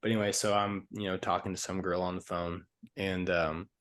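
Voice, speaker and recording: A man's voice: sits low, a little fast. A man in his thirties, a podcast co-host, telling a story in casual chat and acting out the quotes. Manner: animated storyteller, acts out shouted quotes.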